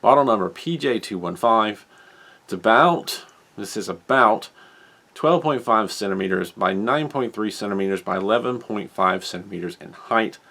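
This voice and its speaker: A man's voice: on the low side, normal speed, gravelly, sharp tone. A man hosting a casual hobby news update, rambling and correcting himself as he reads out model details. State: has the hiccups. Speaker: hobby channel host. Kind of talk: casual solo news commentary.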